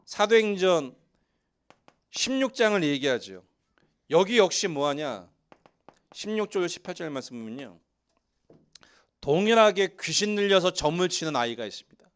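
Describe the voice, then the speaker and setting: A man's voice: high-pitched, normal speed, long pauses. A male pastor from Seoul preaching a sermon in a church and joking with the congregation. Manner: joking with the congregation, lively asides. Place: church sanctuary.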